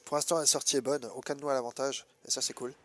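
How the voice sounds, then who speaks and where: A man's voice: mid-range voice, flat delivery, quick pace, fairly bright tone. A man with a stuffed-up, nasal voice from a head cold, giving casual, colloquial gameplay commentary and hesitating as he thinks aloud. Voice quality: congested, nasal. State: sick with a blocked nose. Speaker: gaming video host.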